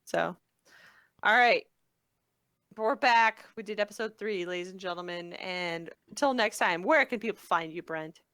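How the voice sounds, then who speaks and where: A woman's voice: mid-range voice, moderate pace, pushed and bright, no echo. Giggly woman podcast host. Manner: giggly, playful. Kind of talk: casual chat.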